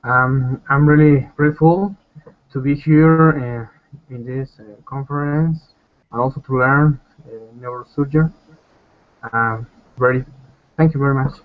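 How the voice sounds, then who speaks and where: A young man from Bolivia introduces himself over a thin, phone-like connection. He speaks with a mid-pitched voice, carefully and with pauses. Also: steady tone. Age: young adult. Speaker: young doctor, guest. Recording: tinny phone-like call audio.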